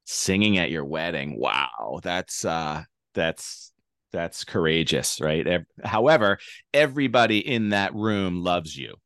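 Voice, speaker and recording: Very deep-voiced male podcast host. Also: lively intonation, unhurried, a bit bright, clear, resonant tone, no echo, studio quality. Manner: enthusiastic, affirming. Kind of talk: casual podcast interview chat.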